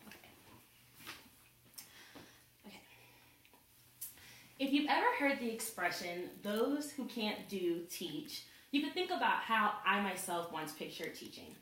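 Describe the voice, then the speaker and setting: A woman's voice: mid-range voice, sing-song, measured pace, long pauses, a bit bright. A young woman, a student, giving a casual introduction speech to her class, with fillers like "like" and "you know". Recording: echoey room, mic far off.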